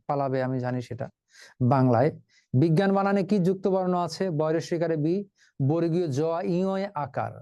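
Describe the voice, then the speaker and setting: A male teacher with a mellow, somewhat high voice. He leads an online lesson step by step and talks straight to his students in a calm, reassuring way. The recording is dry, with no room sound. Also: no room sound. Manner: reassuring, addresses students directly, explains step by step. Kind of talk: online class lecture.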